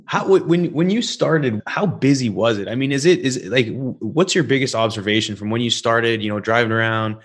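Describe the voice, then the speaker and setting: A man's voice: medium pitch, a little fast, few pauses. A man hosting an interview, rambling through his questions with many fillers. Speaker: interview host. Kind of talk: casual interview.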